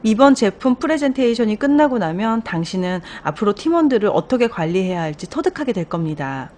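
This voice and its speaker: A woman voicing a wise, upbeat woman bus driver who gives earnest, encouraging advice in a storybook reading, a bit louder than her narration. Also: mid-range voice, big pitch swings, a little fast, voice pushed up, close to an everyday voice.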